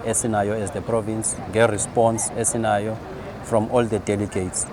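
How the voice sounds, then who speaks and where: Low, even Xhosa-accented man, outdoor noise. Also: moderate pace. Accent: Xhosa South African. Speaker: provincial government official. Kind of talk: on-site interview answer. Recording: outdoor urban traffic noise.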